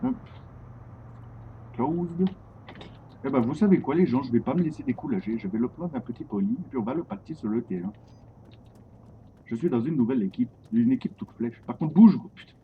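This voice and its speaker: A man giving excitable live commentary while streaming a game, swearing often and chatting to his viewers. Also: medium pitch, moderate pace, pauses often. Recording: dull lo-fi stream audio with faint noise.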